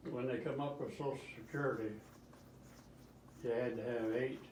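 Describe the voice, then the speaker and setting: An old man talks casually about his memories, halting and repeating himself. His pitch is average for a man. The recording is roomy and a bit distant, with faint noise behind him. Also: fairly even intonation, darkish tone. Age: 80s or older. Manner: old man's halting, rambling recollection with repeats. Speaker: interviewee, grandfather. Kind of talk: casual reminiscence.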